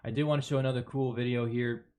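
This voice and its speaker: A man's voice: medium pitch, fairly even intonation, fast talker, darkish tone. A man runs through a baseball series recap in a loose, casual way. He is blunt and swears freely while breaking down plays from footage. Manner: blunt and heavily profane; talks over game footage, reviewing plays. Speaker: baseball fan commentator. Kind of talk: casual sports recap commentary.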